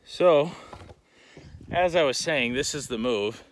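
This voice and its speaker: Slow-talking man vlogging outdoors. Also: mid-range voice, animated, a little hiss or hum. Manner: easygoing, rambling, talks to his dog. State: out of breath. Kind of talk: casual outdoor vlog. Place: snowy woods outdoors. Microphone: action camera.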